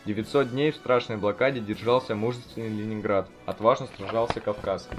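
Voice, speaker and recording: A man hosting school radio, reading a scripted commemorative narration in an earnest, declamatory way. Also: on the low side. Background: music.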